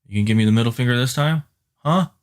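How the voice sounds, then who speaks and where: A man's voice: medium pitch, fast talker. A man teaching a live-streamed IT class, muttering and grumbling at the computer while he reads out network addresses as he types. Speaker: IT instructor.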